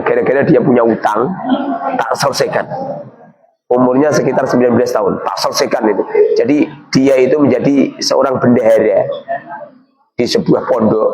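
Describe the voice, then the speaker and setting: A man's voice: medium pitch, darkish tone, low-quality recording. A middle-aged man with a Javanese accent teaching a kitab class, reading Arabic phrases and explaining them with joking asides. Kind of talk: pesantren sermon with Arabic reading and translation. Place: pesantren hall with students.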